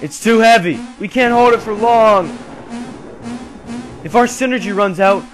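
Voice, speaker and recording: A man voicing adult villagers straining under a heavy load, shouting orders, in a hissy home recording. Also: high-pitched, a little slow, soft background music, voice pushed up.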